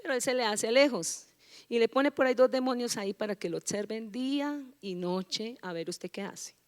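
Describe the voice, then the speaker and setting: A woman's voice: a little high, moderate pace. Woman pastor preaching in a hall. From Colombia. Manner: call-and-response with the congregation, rousing, rhetorical questions. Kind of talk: sermon. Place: large church hall. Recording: church hall reverb.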